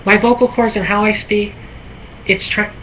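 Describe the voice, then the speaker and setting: An American woman talking alone in a halting, repetitive, rambling way, with many fillers and restarts. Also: medium pitch, steady tone. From United States. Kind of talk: rambling solo monologue. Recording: muffled lo-fi with faint noise.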